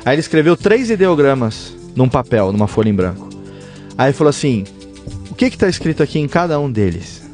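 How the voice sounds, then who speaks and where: A man's voice: medium pitch, brisk, faint music behind. A man from Brazil, a podcast guest, telling a story in a casual interview and acting out the dialogue, with a few restarts. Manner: animated storyteller, acts out dialogue, some restarts.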